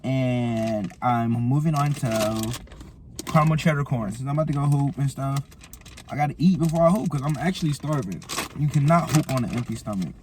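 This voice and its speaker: A man's voice: medium pitch, brisk, noisy background. A man vlogging a food challenge in casual, slangy chat, laughing often.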